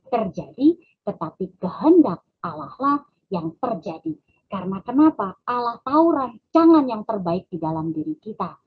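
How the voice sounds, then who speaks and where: A woman's voice: fairly high pitch, breathy edge. A woman gives a testimony at an online prayer meeting, speaking to her listeners as "Bapak Ibu sekalian" and acting out dialogue with her child. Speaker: lay preacher sharing a testimony. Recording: thin phone-like online call audio.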